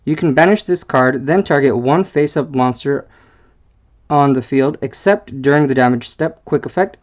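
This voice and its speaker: Reading card game rules aloud for a deck presentation, a man speaks at medium pitch and moderate pace. He trips over the wording, corrects himself, and fills pauses with small hesitations. His audio is slightly dull and lo-fi, like a simple home microphone.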